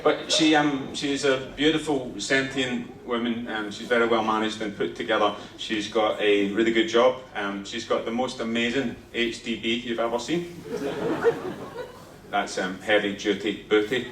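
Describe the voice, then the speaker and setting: A man's voice: mid-range voice, fairly even intonation, moderate pace, fairly bright tone. A Scottish man in his thirties doing a stand-up comedy set, conversational and punchy, swearing freely. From Scotland. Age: 30s. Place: theatre stage before a laughing audience. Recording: roomy live theatre sound, mic heard from a distance, audience noise.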